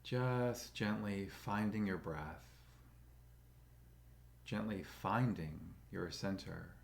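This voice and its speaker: A man leading a guided meditation, speaking slowly and gently in a soothing way. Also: lowish voice, creaky.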